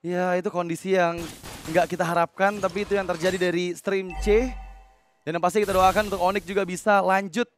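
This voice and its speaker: A man's voice: high-pitched, flat delivery, fairly quick, soft background music. A man working as an esports caster, giving dramatic play-by-play commentary on a game.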